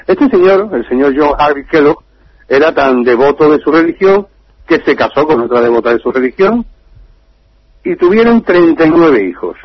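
A man telling a story on a radio show in a lively, joking way. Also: on the high side, moderate pace. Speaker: radio contributor. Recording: dull, dry radio line.

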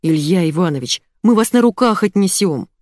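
A woman voicing a fawning male employee flattering his boss. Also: on the low side, normal speed, dry recording, studio quality, lightly acted. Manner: fawning, ingratiating.

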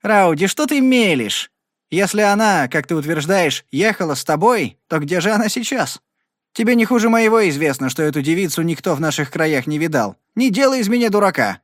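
A male audiobook reader voices a stern, gruff sheriff with a gray mustache, sounding demanding and firm. His voice is a bit high for a man, very animated and fairly quick, recorded dry and close.

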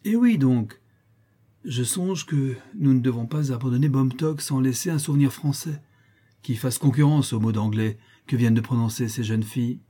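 A man voicing a brash, cheeky young French sailor in a read-aloud adventure story, talking in an excited, blustering way. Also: mid-range voice, moderate pace, slightly rough, close to an everyday voice. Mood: boisterous.

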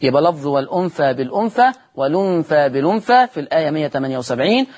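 A man with an Egyptian accent teaching Quran recitation in a televised lesson. He poses questions aloud, answers them himself, and chants the example words slowly and drawn out. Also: fairly high pitch, animated, darkish tone. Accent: Egyptian Arabic.

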